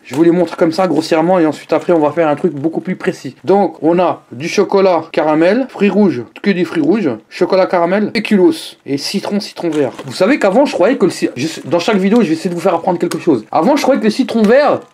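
A man reviews food in a casual home vlog, talking to the camera with lively exclamations and side remarks to his viewers. His voice is high, and he talks fast with few pauses.

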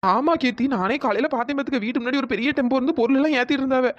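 A bossy village gossip in a cartoon story, played by a woman rattles on quickly and scolds freely. Her voice is high, and the recording is dry, close and a bit dull. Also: dry recording, natural voice. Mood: gossipy. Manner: chatty, scolding, fast-talking.

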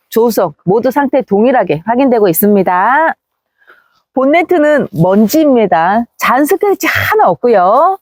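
A woman giving a polished, upbeat used-car sales pitch, presenting a vehicle like a slick dealer. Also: a little mellow, no room sound, studio quality.

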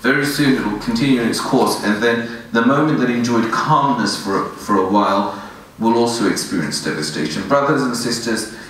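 A man's voice: medium pitch, moderate pace, fairly bright tone, a little hiss or hum. A man in his thirties giving an earnest, pleading sermon, reciting verses in Arabic between explanations. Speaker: imam giving a Friday sermon. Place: indoor prayer room with woven screen backdrop. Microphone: stand mic near mouth. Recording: echoey room, voice a bit distant.

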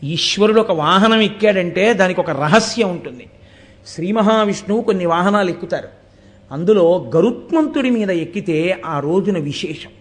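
High-voiced man giving a devotional discourse. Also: expressive, normal speed. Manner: rhetorical questions and chanted verse quotes, explanatory. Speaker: spiritual discourse speaker. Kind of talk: live devotional discourse to an audience.

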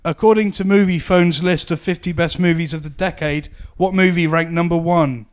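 Brisk male quizmaster with a smooth voice. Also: fairly high pitch, steady tone. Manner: brisk, matter-of-fact. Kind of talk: reading quiz questions.

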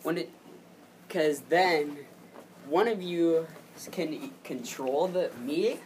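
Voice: medium pitch, slow pace, darkish tone. A player joking around playfully in casual chat during a hide-and-seek game. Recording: noisy home capture.

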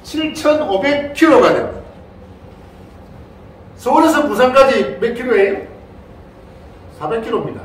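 Older monk lecturing in an echoey hall. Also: male voice, extremely high pitch, lively intonation, moderate pace, long pauses, slight background noise. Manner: keeps prompting listeners with a questioning "eh?", playful, imitates a cow's moo. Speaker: Buddhist monk lecturing on a sutra. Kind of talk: Dharma lecture to a congregation. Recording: very echoey hall, voice far from the mic.

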